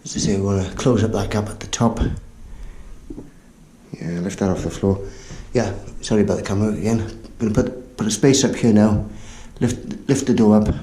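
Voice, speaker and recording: A man's voice: on the low side, normal speed, dark tone. A man talking casually to camera while fitting a door in a small room, chatty and a little out of breath, apologising as he goes. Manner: chatty, self-deprecating, apologetic asides. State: slightly out of breath. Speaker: DIY renovation vlogger. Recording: echoey room with faint noise.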